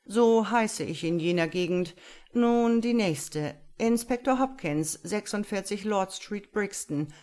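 A woman reading the part of a brisk, confident male detective, voiced lively and raised. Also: medium pitch, lightly acted.

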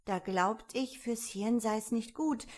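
A woman doing a timid, higher-pitched little girl. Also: slow. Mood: reciting. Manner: higher, eager, slightly tearful. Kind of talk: audiobook character voice.

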